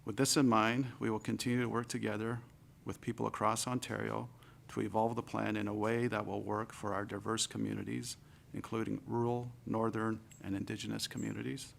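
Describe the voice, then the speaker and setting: A male government official gives formal testimony before a legislative committee. His voice is low and gravelly, and his delivery is deliberately low-key and monotone. It hardly rises or falls. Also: slight background noise. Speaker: government deputy minister.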